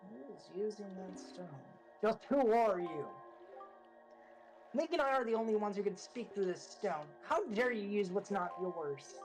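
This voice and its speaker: A woman's voice: medium pitch, lively intonation, unhurried, a little mellow, rough recording. Woman voicing a stern, commanding regal speaker over game music. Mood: commanding, indignant. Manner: imperious, formal.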